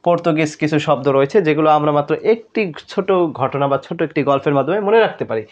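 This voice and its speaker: A male admission-test tutor with a Bangladeshi Bengali accent and a notably high voice races through an exam solution lesson, explaining each step and often pausing to ask "right?" or pose rhetorical questions. The audio is dull and lo-fi, its top end muffled.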